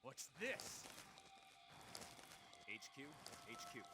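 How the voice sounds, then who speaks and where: An actor playing an alert enemy patrol soldier in a video game, reporting in clipped, urgent military speech. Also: male voice, medium pitch, very animated, drawn-out words, noisy background. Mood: alarmed. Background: loud music.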